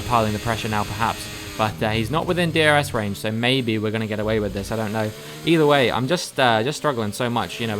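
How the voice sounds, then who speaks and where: A gaming YouTuber calls his own racing game live, rattling off positions in rapid play-by-play. His voice is fairly low, there's background noise, and he gets sharply louder whenever there's a crash.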